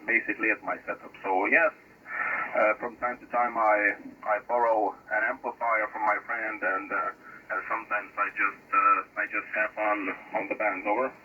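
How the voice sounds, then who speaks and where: A man's voice: fairly low pitch, flat delivery, normal speed. Crackly radio transmission, Lithuanian-accented man, amateur operator, hesitant delivery, lo-fi band, slight hiss. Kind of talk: ham radio contact. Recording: dull, noisy shortwave radio signal.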